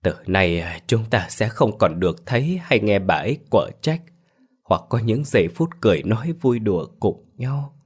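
A man's voice: lowish voice, lively intonation, moderate pace, slightly rough. A male narrator voicing an old female servant who confides household news to her mistress.

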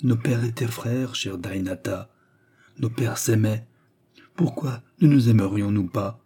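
A man's voice: fairly low pitch, unhurried, warm tone, husky. A man voicing a passionate nobleman who pleads fervently in an audiobook. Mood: pleading. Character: tender, passionate nobleman, a marquis.

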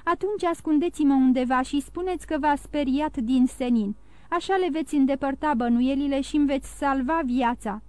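A woman's voice: sits high, darkish tone, no room sound, natural voice. Audiobook: female reader as a cornered young murderer pleading frantically; raised, dry voice. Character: desperate young male fugitive murderer.

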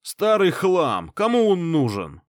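A man's voice: medium pitch, animated, a little slow, a bit bright, no room sound, clean studio sound, voice pushed up. A man voicing a brutal clan head who barks orders and sneers. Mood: scornful. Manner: barking orders, scornful. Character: brutal middle-aged clan head, contemptuous.

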